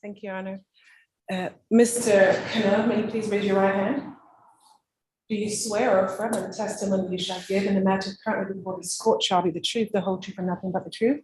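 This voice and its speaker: A woman of middle pitch reads out oaths and plea questions in a formal, scripted way as the court clerk. A faint noise sits under her voice. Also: steady tone, brisk, a little mellow, poor audio.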